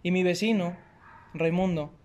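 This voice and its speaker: Animated young Mexican man telling a story. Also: sits high, moderate pace. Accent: Mexican Spanish. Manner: animated, slangy, acts out shouts and quotes. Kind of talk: casual storytelling.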